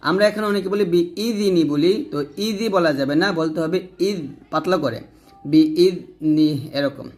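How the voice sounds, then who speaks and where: A man teaching Quran recitation, chanting verses slowly and melodically, then explaining pronunciation in quick speech. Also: high voice, faint music behind. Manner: slow drawn-out melodic recitation alternating with quick spoken explanations.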